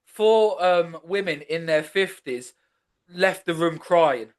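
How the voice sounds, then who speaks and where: A man's voice: fairly high pitch, slow. A man hosting a podcast, talking in casual chat, rambling and chatty with many restarts. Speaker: podcast host.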